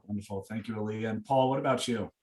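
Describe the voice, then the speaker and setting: A man's voice: on the low side, fast, darkish tone, far from the mic. A man hosting a school information session over a video call, easygoing and casual with many "uh"s and "um"s. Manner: easygoing, with frequent "uh" and "um". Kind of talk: moderating a video-call panel. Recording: echoey room, away from the mic.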